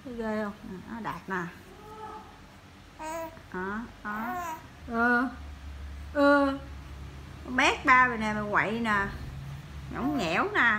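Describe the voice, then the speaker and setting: A woman's voice: on the high side, expressive, slow pace, long pauses, sharp tone, slight background noise. A mother talks to her baby in coaxing, cooing baby talk at home, asking sing-song questions over and over.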